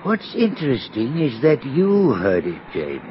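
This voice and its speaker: An actor playing a gruff, older retired sea captain, hospitable but evasive, in an old radio drama. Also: male voice, mid-range voice, wildly swooping pitch, unhurried. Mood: uneasy, evasive. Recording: muffled, noisy old radio recording.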